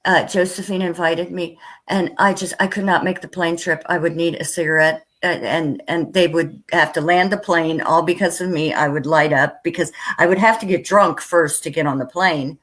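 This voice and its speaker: An American woman hosts a casual video-call interview, bubbly and rambling and laughing a lot as she goes. Her voice is fairly low and fairly bright, with fairly even intonation, a normal speed and hardly any pauses.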